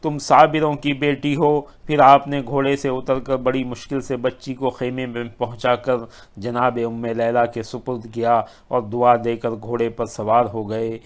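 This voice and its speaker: A male Sufi preacher delivering a mourning-season sermon. He tells the story dramatically, in a rhythmic way, and his pitch stays steady. His voice is smooth and clear. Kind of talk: Muharram sermon narration.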